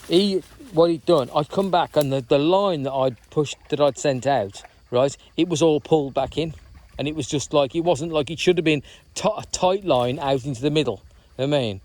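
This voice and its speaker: A man's voice: fairly high pitch, normal speed, a little mellow. A man chatting in a rambling, casual way on a walking vlog outdoors by a reservoir. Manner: rambling, chatty, full of "you know what I mean". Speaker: vlogger.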